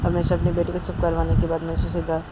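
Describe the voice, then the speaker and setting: A woman's voice: on the low side, completely flat delivery, fast talker, heavy background noise. A woman narrating a romantic story in a casual, rambling, repetitive way.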